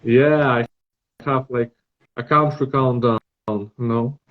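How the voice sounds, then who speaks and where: A man's voice: medium pitch, steady tone, slow pace, narrow, tinny audio. A man from Belarus speaking with a Belarusian accent, a guest on a casual podcast, hesitant and searching for his words. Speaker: guest artist.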